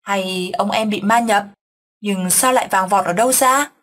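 A woman voicing village folk musing about strange events, in a husky voice. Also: mid-range voice, normal speed, fairly bright tone, natural voice. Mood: puzzled. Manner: musing, offhand speculation. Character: gossiping village folk, matter-of-fact.

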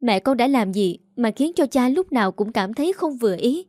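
A woman voicing a headstrong, outspoken young daughter who talks quickly and heatedly. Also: a little high, lively intonation, a little mellow, no echo, studio quality. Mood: heated defiant.

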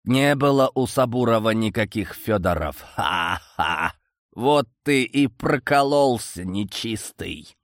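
A man voicing a spiteful sick old man who speaks slowly in a hoarse, snarling voice. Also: lowish voice, animated, dry recording, clean studio sound.

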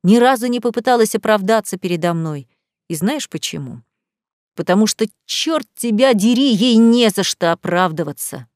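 A woman voicing an angry young groom who talks in harsh, low, menacing tones in an audiobook. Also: expressive, moderate pace, darkish tone, no room sound, clean studio sound, lightly acted. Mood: scornful. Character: angry young man, bitter and contemptuous groom.

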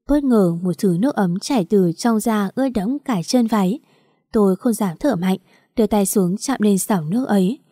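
Female storyteller, first-person narration, earnest and emotional, mellow tone, dry close mic. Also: medium pitch, no echo.

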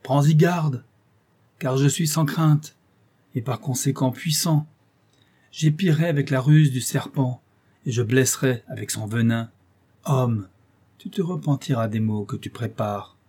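A man's voice: mid-range voice, unhurried, mellow, slightly rough. A man voicing a wretched, vengeful male creature, reproachful and menacing, in an audiobook reading.

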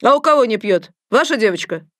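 Audiobook: a woman doing a loud, rude middle-aged gynecologist who shouts at patients; dry read. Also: a little high, lively intonation, brisk, no echo, pitched above the performer's own voice. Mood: scolding, shouting. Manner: shouting, scolding.

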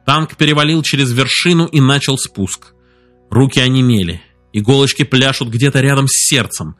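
A man narrating an audiobook in a measured, steady reading voice. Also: medium pitch, soft background music. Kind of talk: scripted narration.

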